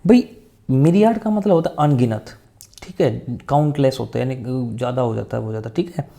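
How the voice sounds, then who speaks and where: A man's voice: mid-range voice, brisk, gravelly, dark tone. A man teaching English vocabulary in Hindi. He repeats each new word several times and often checks in with "theek hai". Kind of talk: Hindi vocabulary lesson with memory tricks.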